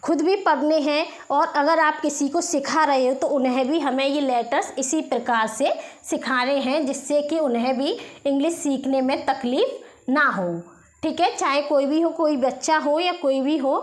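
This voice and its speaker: A woman's voice: high voice, moderate pace. A woman with an Indian accent teaching a spoken English lesson, explaining step by step and checking in often.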